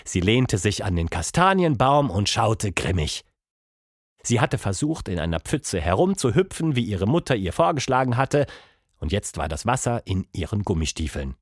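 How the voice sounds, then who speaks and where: Man, storyteller, children's story narration, animated pitch, dry close sound. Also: normal speed, dry recording. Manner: lively, expressive reading.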